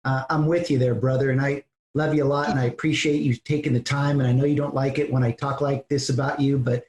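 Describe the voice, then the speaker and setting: A man's voice: mid-range voice, flat delivery, fast, darkish tone. Earnest man hosting, echoey room. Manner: earnest, effusive. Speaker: podcast host. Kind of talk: casual interview wrap-up.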